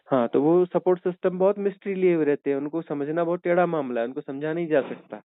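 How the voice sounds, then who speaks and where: A man, a spiritual teacher, explaining calmly on a phone call and often checking for assent with a tag question. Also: on the high side, fast, no echo. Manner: calm explaining, repeats "है ना?" for assent. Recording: tinny phone line, dry.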